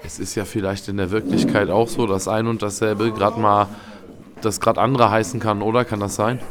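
A man's voice: lowish voice, level tone, normal speed. A man talking casually in a discussion. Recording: crowd chatter behind.

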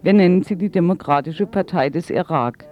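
With a slightly dull radio sound, a man with a high, slightly fast voice works as an interpreter. He gives a consecutive voice-over translation of answers from an interview.

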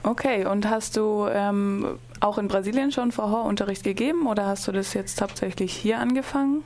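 A woman's voice: mid-range voice, brisk, a little mellow. A woman hosting a radio show, welcoming a live guest and asking questions with frequent fillers. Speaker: radio host. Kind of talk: casual interview.

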